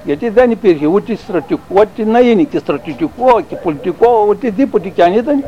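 Older man telling a halting story. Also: high-pitched, lively intonation, warm tone, muffled recording. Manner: rambling, halting, with restarts and fillers. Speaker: interviewee recalling army service. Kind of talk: oral history storytelling.

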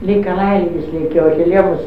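In this oral history interview, an older woman recalls her youth and voices the dialogue she remembers, punctuating it over and over with "she says, I say." She speaks in a lowish voice with fairly even intonation, captured on a dull, distant, echoey lo-fi recording with slight background noise.

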